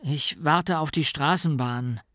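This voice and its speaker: A man's voice: medium pitch, slow pace, no room sound, studio quality. A man reading a storybook and voicing a grumpy, defiant young boy who answers in short, stubborn lines. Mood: sulky.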